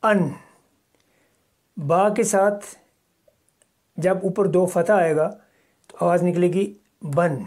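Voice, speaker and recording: A man's voice: sits high, fairly even intonation, long pauses, a little mellow. A man from Kashmir giving a recorded Arabic lesson, explaining step by step and repeating each example patiently. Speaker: Arabic teacher. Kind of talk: recorded language lecture.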